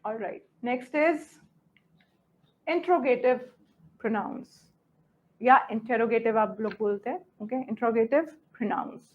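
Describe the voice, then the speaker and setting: High-voiced Indian English teacher, slow. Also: female voice, phone-quality sound. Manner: switches between Hindi and English, checks understanding often. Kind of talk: classroom grammar lesson.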